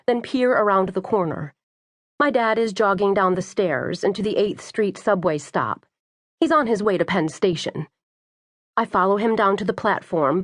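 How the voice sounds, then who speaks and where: A woman narrates a first-person audiobook with a wry, brisk delivery. Her voice sits at an ordinary middle pitch. The sound is dry and close, with no room around it. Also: dry recording.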